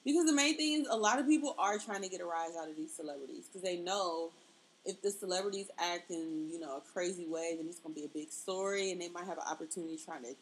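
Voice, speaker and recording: 편안하게 수다 떠는 여성 팟캐스트 진행자. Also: female voice, lowish voice, fast, slight background noise, rough recording. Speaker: podcast host. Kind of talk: casual chat.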